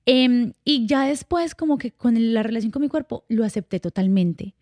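A woman's voice: fairly high pitch, moderate pace, warm tone, dry recording, clean studio sound. A young woman guest on a podcast, telling personal stories in a candid, heartfelt way and acting out bits of quoted dialogue. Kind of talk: casual conversational interview.

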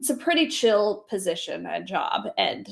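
A woman's voice: mid-range voice, big pitch swings, moderate pace, creaky. A pregnant woman in her thirties chatting casually as a podcast co-host, laughing often and trailing off into fillers. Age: 30s. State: pregnant, tires quickly. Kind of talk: casual chat.

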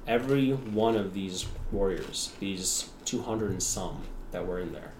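A man's voice: deep voice, unhurried. A man working as game master, narrating a tabletop game with casual asides. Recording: roomy, distant mic with background noise.

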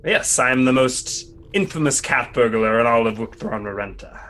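A man's voice: medium pitch, normal speed, fairly bright tone, natural voice. A man voicing a cocky, slyly evasive cat burglar prisoner in tabletop role-play, with playful, theatrically polite manners. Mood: smug, flattering.

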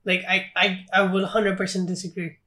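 Bright-voiced blunt podcast co-host. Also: mid-range voice, flat delivery, moderate pace. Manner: blunt, crude jokes. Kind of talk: casual film review chat.

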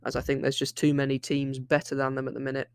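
A man's voice: medium pitch, monotone, fast, gravelly, smooth, dry recording, clean studio sound. A young man hosting a solo football podcast, opinionated and rambling, often restarting his sentences. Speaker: podcast host.

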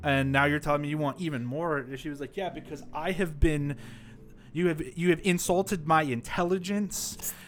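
A man's voice: fairly high pitch, steady tone, normal speed, soft background music. A man co-hosting a podcast, telling a work story in casual chat, full of "like" fillers and acted-out quotes. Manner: rambling, many "like" fillers, acts out quotes. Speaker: podcast co-host. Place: live-streamed podcast setup.

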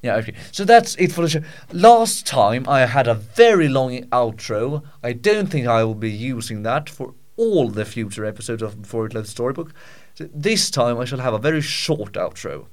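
A man hosting in casual comic chat, offhand, with remarks that trail off into quiet mumbles. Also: mid-range voice, big pitch swings, moderate pace. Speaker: host.

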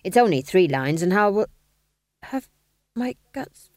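Storybook voice: a woman playing a halting, fumbling boy, said slowly and with stops. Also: mid-range voice, very animated, darkish tone, no room sound, clean studio sound. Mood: flustered. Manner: halting, stumbling. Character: flustered boy actor fumbling his lines.

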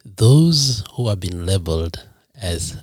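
A man's voice: deep voice, very animated, slow, a little mellow, husky, dry recording, clean studio sound. A man from Kenya, telling his personal story as a guest in a podcast interview, earnest and reflective.

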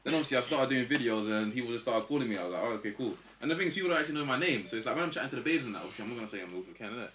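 A young man rattles along quickly in a London roadman accent. He banters casually in street slang as a podcast guest. The recording has clear background noise. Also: mid-range voice, lively intonation, fairly bright tone. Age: young adult.

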